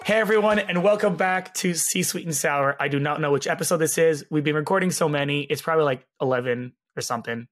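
Male podcast host, slightly high register, raspy and hoarse with a gravelly edge, chatting casually as interviewer. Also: fast talker, hardly any pauses, fairly bright tone. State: hoarse from laryngitis. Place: home guest bedroom or office.

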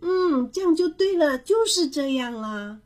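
A woman's voice: high-pitched, unhurried, voice pushed up. A woman voicing an eager little boy who keeps showing off his drawing. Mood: anxious. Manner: excited, insistent calling out.

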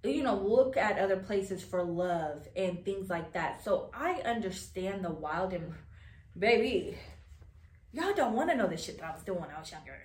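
A woman's voice: medium pitch, moderate pace. Frank young woman telling a story, echoey room. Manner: animated, frank, swears often, calls viewers baby and child. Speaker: vlogger. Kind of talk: casual storytelling to camera. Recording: roomy room with faint noise.

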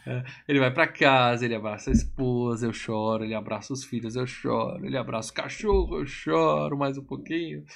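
Profane, animated man recapping a film. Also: mid-range voice, a little fast, vocal fry, few pauses. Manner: animated, profane storytelling with acted quotes. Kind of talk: casual film recap chat.

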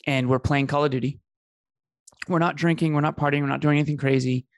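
A podcast host, appearing as a guest, tells his life story in an earnest, emphatic, conversational way, repeating phrases for effect. His voice is on the high side and steady, he talks fast, and the studio-quality recording has no room sound.

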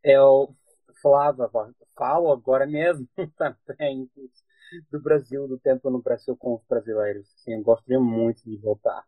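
A man, not a native speaker, with a foreign accent mixing European and Brazilian, chatting haltingly as an interview guest and searching for words. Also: mid-range voice, steady tone, breathy edge, no room sound, phone-quality sound. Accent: foreign, mixing European and Brazilian Portuguese. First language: not a native Portuguese speaker. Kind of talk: casual chat.

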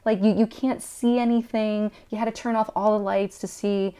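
A woman's voice: mid-range voice, flat delivery, moderate pace, warm tone, clean tone. A woman co-hosting a casual movie review chat, chatty with frequent "like" fillers. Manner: chatty, lots of "like" fillers, laughs often. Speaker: podcast co-host.

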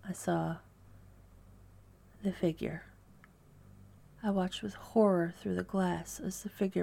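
Female narrator for first-person horror, low and flat, heavy vocal fry, quiet measured dread. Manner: hushed, measured, dread-filled delivery.

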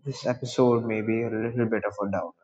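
Low-voiced teen boy on a dull, lo-fi recording. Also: fairly even intonation, quick pace, darkish tone. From India. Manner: teasing, short agreeing replies. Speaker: podcast co-host. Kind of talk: casual podcast chat.

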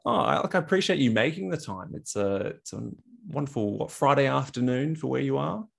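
A man hosting a wedding podcast, asking questions in a friendly, halting way. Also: mid-range voice, expressive, vocal fry, husky. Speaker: podcast host. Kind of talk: interview chat.

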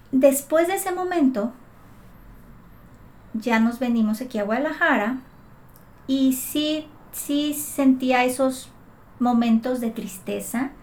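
A woman's voice: high-pitched, darkish tone. A mother telling her faith story in an earnest, emotional way, often restarting her sentences. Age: adult mother. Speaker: guest sharing her faith testimony. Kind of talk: heartfelt testimony in conversation.

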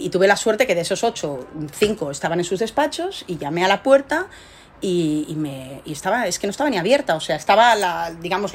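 Woman, middle-aged, researcher guest, lively storytelling, mid-pitched voice, faint background noise. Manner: animated storytelling, frequent fillers and rhetorical tags. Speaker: scientist guest. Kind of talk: conversational interview answers.

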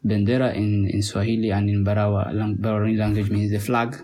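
A man with a Somali accent speaks English as a second language and answers in an unhurried interview. His voice sits fairly low and has a husky edge. He halts often, pausing and repeating words as he thinks. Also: flat delivery, warm tone. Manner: halting, many pauses and repeated words. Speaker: podcast guest. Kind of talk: conversational interview.

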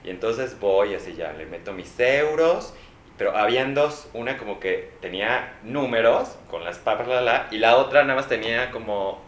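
A man with a Mexican Spanish accent, co-hosting a casual chat and telling animated, self-mocking stories. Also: mid-range voice, moderate pace. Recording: roomy with faint noise.

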